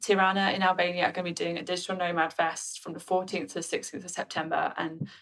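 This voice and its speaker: A woman hosting an interview podcast over a video call, chatty and quick to agree with her guest. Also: lowish voice, flat delivery, fairly bright tone. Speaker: podcast host. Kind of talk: casual interview chat.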